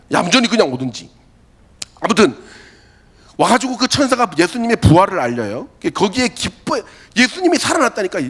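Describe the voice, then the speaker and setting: A male pastor delivers a youth sermon in a lively, storytelling way, often slipping into the voices of the people he quotes. His pitch sits a little high for a man. It swings widely from phrase to phrase. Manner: animated storytelling, acts out quotes. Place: church worship hall.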